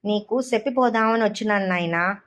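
A woman's voice: medium pitch, a little fast, a bit bright, natural voice. Woman voicing a tender ghostly old mother. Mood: anxious. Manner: tender, anxious, pleading. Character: gentle worried old mother's spirit in a dream.

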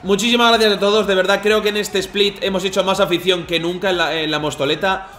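High, bright-voiced man commentating. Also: fairly even intonation, quick pace, roomy sound, soft background music. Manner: emotional, shouting and groaning at misses. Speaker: team president and streamer recapping matches. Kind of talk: excited match commentary recap.

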